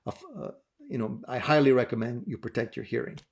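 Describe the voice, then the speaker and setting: Gravelly, darkish and quick, the medium-pitched voice belongs to a guitar gear channel host over thirty. He casually answers viewers' questions to camera, easygoing and prone to fillers and restarted sentences.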